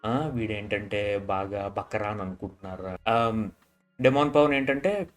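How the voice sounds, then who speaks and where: A man with a fairly low-pitched voice speaks a little slowly as he casually recaps a reality show episode. He retells the scenes, lowering his voice whenever he quotes someone, and keeps repeating filler tags.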